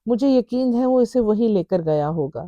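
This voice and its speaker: A woman voicing an older male religious healer who warns and reassures in a slow, solemn way. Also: a little high, expressive, warm tone, no room sound, lo-fi sound, voice pushed up, lightly acted.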